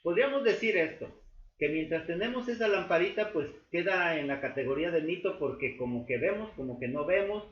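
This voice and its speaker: A man's voice: a little high, expressive. Man teaching a Bible lesson. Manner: explains slowly, with many fillers and restatements. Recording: echoey, dull room recording with faint noise.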